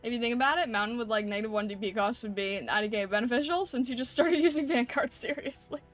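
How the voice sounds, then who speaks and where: Female art streamer, higher register, informal and conversational, speaking over background music. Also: fast talker. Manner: conversational, often ends with tag questions. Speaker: streamer hosting an art livestream. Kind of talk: casual livestream chat.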